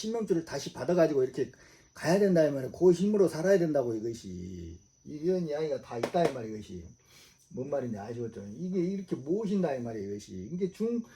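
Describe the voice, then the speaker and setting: A middle-aged man gives a religious sermon. His voice sits on the higher side but sounds very dark and mellow. He hammers his points home through repetition and frequent rhetorical questions. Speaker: preacher.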